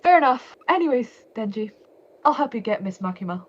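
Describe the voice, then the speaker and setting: Chaotic bratty fiend, woman dubbing, blunt, higher voice, dull home recording. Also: very animated, a little fast. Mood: scheming. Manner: bossy, blunt, scheming. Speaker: fan voice actor. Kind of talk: comedic fan dub.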